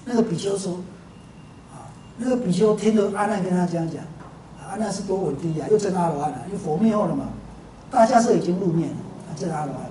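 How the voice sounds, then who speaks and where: A woman teaching a Buddhist dharma lecture, telling a story with frequent drawn-out fillers. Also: lowish voice, dark tone. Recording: roomy hall, distant mic, faint hiss.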